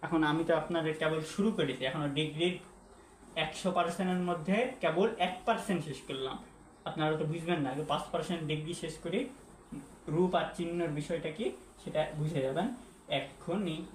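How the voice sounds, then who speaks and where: A man's voice: a little high, normal speed. A man teaching an English grammar lesson at a whiteboard, asking the class questions and repeating the key points. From Bangladesh. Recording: echoey room, faint background hiss.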